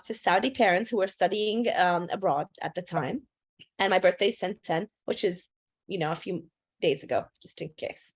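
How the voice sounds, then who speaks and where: A woman in her thirties, a photographer giving a class in a chatty, self-deprecating way, with many fillers and restarts. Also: medium pitch. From United States and United Kingdom. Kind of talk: casual presentation talk.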